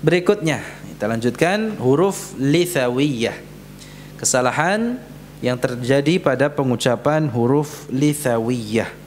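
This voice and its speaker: A man's voice: mid-range voice, unhurried, slight background noise. A man teaching Quran recitation in a mosque, patiently repeating letter sounds so his students can copy them. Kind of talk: tajweed lesson in a mosque. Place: prayer hall of a mosque.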